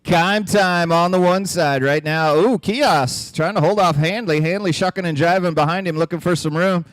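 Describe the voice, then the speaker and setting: A man calls races live over a microphone in a fairly high, smooth voice. His play-by-play is folksy and joking, and his voice is starting to crack. The sound is dry and close. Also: moderate pace, dry recording. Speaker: track announcer. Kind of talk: live race commentary.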